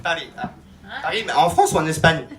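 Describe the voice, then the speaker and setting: High-voiced male stage hypnotist with crowd. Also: very animated, gravelly. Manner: slow hushed trance commands between playful teasing. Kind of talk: live hypnosis show. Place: campsite entertainment outdoors. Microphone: handheld microphone. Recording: live audience crowd behind. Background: audience crowd.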